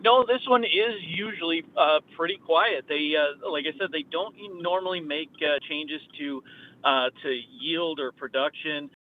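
Halting analyst on a tinny phone line. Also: male voice, fairly high pitch, slight background noise. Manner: halting, with many filler sounds. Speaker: market analyst guest. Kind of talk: phone-in market discussion.

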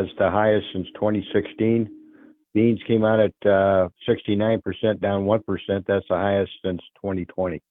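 A man's voice: fairly low pitch, no echo. Man over a tinny phone line. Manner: halting, frequent uh fillers. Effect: heard over the phone. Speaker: market analyst. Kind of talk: market commentary.

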